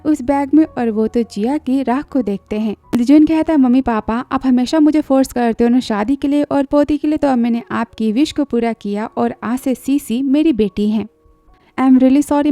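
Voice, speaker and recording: A woman's voice: fairly high pitch, warm tone, dry recording. A woman narrating a drama recap in a chatty storytelling way, briefly acting out the characters' lines.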